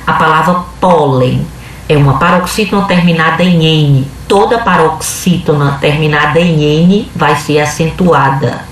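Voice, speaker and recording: A woman's voice: deep voice, a little slow, slight background noise. Casting: woman teacher, patient step-by-step explainer, heard from a distance in a very echoey room. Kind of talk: video lesson.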